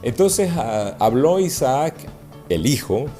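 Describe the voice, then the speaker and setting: A man's voice: mid-range voice, slow, soft background music. A man preaching a sermon to a congregation, checking in with them as he goes. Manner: animated, asks the congregation questions.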